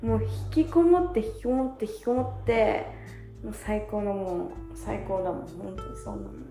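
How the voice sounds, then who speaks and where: A tired young woman in her twenties chatting casually on her own, self-mocking and acting out quotes in a higher voice. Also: animated, moderate pace, reverberant. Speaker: vlogger. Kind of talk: casual solo chat. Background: soft guitar music.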